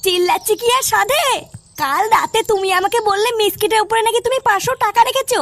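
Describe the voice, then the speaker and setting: A woman's voice: extremely high pitch, fast, fairly bright tone, a little hiss or hum. A woman voicing a worried, thrifty old grandmother in a cartoon, nagging and fretful. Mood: alarmed. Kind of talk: cartoon voice acting. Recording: cartoon with background music.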